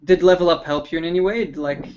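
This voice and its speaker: A man hosting a relaxed livestream interview, talking with frequent ums and restarts. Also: a little high, quick pace, muffled recording, crowd noise. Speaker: livestream host.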